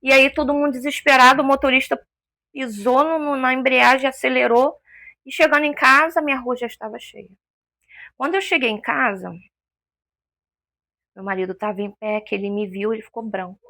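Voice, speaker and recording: A woman's voice: high voice, fairly even intonation, fairly quick, long pauses, pushed and bright, no room sound, studio quality. Woman telling a painful story. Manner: vivid storyteller who acts out quoted voices. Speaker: interview guest. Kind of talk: emotional personal testimony.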